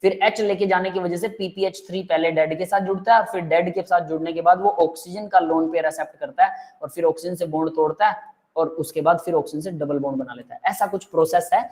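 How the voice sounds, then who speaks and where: A male chemistry teacher giving a relaxed live lesson, going step by step and checking often that students follow. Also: a little high, fast. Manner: explains step by step, keeps checking the class understands; relaxed and friendly, calls students "beta" and "bhai". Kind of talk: live online chemistry lecture.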